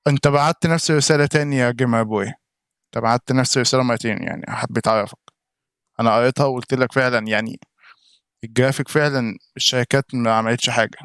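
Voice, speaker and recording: A man's voice: mid-range voice, steady tone, very fast, fairly bright tone, clean tone, no room sound, clean studio sound. A man with an Egyptian Arabic accent giving casual reaction commentary on a gaming live stream, chatting straight to viewers in chat by name.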